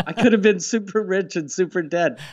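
A man's voice: sits high, fairly quick, a little mellow, lo-fi sound. A man chatting casually on a podcast, blunt and profane. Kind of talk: casual chat.

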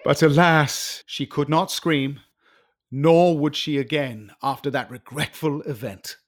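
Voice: mid-range voice, fairly even intonation, measured pace. A storyteller giving a campy, melodramatic comic narration of a gruesome tale.

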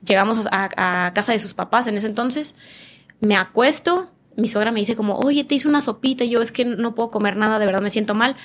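A woman's voice: on the high side, a little fast. Mexican woman telling a vivid story. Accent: northern Mexican. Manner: vivid storytelling, acting out quoted dialogue in changed voices. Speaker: podcast guest, nutritionist. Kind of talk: emotional personal testimony.

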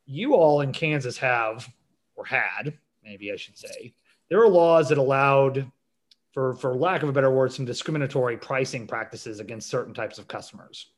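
A man's voice: medium pitch, animated, normal speed. A man hosting a podcast, talking in a chatty, rambling way that often interrupts itself. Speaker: podcast host. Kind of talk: casual podcast conversation. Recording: dull lo-fi sound.

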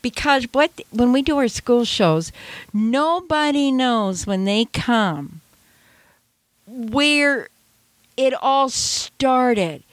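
A woman's voice: on the high side, extremely slow, no room sound. An older woman from Canada, a radio interview guest, telling stories with energy and acting out her younger self. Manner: animated storyteller who acts out her past self, laughs often.

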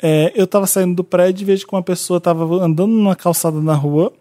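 A man's voice: high-pitched, steady tone, fast talker, mellow, dry recording. A Brazilian man co-hosting a podcast, telling anecdotes with nervous laughs in casual chat. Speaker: podcast co-host.

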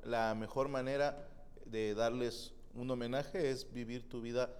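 A man's voice: mid-range voice, steady tone, a little slow, a little mellow, clean tone. A man with a Mexican accent co-hosting a podcast, reading listener messages and giving slangy but earnest advice. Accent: Mexican Spanish. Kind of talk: casual comedic chat. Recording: long reverb.

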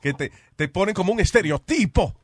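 A man's voice: high-pitched, expressive, brisk, slightly rough, dry recording. A man hosting a comedic radio show in a studio, brash, profane and exclamatory, switching between Spanish and English. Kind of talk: comedic casual talk, mixing Spanish and English.

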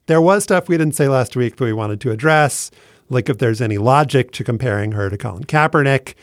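A man's voice: medium pitch, fairly quick, no echo, clean studio sound. A man hosting a podcast in a conversational presenting style, with a dryly joking manner. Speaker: podcast host.

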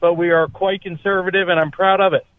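A middle-aged man from New Jersey calling a radio show, speaking politely and earnestly, a bit haltingly. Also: sits high, little pitch movement, dry recording. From New Jersey, United States. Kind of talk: polite, earnest phone-in question. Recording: thin, narrow phone line.

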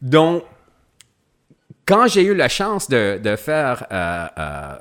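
A man's voice: medium pitch, wildly swooping pitch, drawn-out words, a bit bright, clear, resonant tone. A middle-aged English-speaking Canadian man, a guest actor, speaking French in a casual podcast interview with many fillers and restarts.

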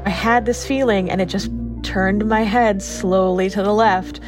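A woman's voice: mid-range voice, steady tone, a little slow, over music. A woman telling a personal story in a vivid, descriptive way.

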